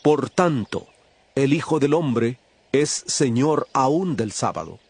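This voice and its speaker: A man voicing Jesus as a calm, authoritative teacher in a dramatized audio Bible, with a measured, solemn delivery. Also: mid-range voice, husky.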